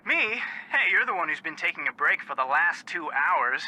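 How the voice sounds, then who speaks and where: A man's voice: a little high, sing-song, normal speed, bright, forceful tone, full character voice, rough recording. A man voicing a level-headed, teasing young man detective in a mystery game. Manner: teasing, sensible.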